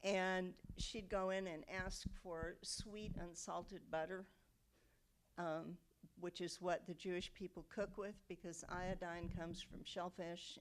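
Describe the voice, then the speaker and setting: A woman in her seventies speaks in a slightly low voice. She recalls her family's past in a reflective, unhurried way, often pausing on "um" and checking in with "okay?". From United States. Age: 70s. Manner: reflective storytelling with frequent um and okay. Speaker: interviewee. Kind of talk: oral history interview.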